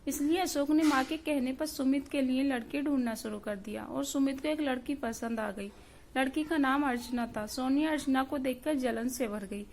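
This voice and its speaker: A woman narrating a scripted family story and reading every character herself in a steady storytelling delivery. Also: high voice, normal speed, slight background noise.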